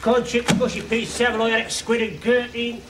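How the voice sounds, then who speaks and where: Muddled chip-shop server, noisy studio. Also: male voice, very high voice, level tone, normal speed. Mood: distracted. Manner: repetitive muttered reciting, distracted. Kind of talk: TV sketch comedy acting. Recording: old TV studio, loud audience and noise.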